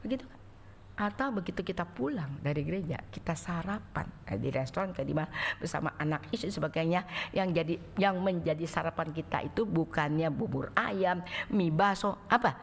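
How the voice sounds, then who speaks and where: A woman evangelist preaching a sermon in a church sanctuary, animated and acting out the people she describes. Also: on the low side, a little fast, gravelly, slight background noise. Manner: animated, acts out quotes, swings loud and soft. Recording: echoey church hall.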